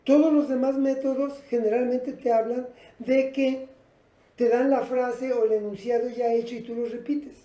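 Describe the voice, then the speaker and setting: A woman teacher gives a patient, step-by-step classroom lesson, talking straight to her students. Her voice is dark and mellow yet sits fairly high. The sound is roomy and echoey. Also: fairly even intonation, moderate pace. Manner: patient, explanatory, addresses students directly. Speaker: English teacher.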